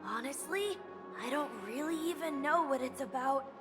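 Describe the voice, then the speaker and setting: A woman playing a chirpy, excitable young festival-goer in a video game. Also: sits high, moderate pace, in a large hall, over music, close to an everyday voice. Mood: excited.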